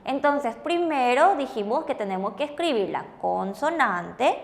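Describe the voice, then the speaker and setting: A woman's voice: sits high, lively intonation, unhurried, vocal fry. A woman teaching a language lesson, patiently explaining steps and confirming answers with her co-teacher. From Paraguay. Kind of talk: classroom explanation with questions.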